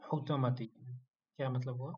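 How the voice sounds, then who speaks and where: A man's voice: medium pitch, level tone, unhurried, breathy edge, lo-fi sound. A man teaching an online Quranic Arabic class, quizzing students with short prompts and playfully scolding them to do their homework.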